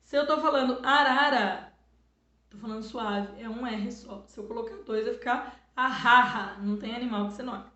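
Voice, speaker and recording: A fairly high-voiced Brazilian woman teaches children, patient and explanatory, stretching words out syllable by syllable. She sounds middle-aged. The recording is dull and lo-fi in an echoey room. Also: fairly even intonation, fairly quick, fairly bright tone. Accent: Brazilian Portuguese. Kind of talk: remote lesson for children.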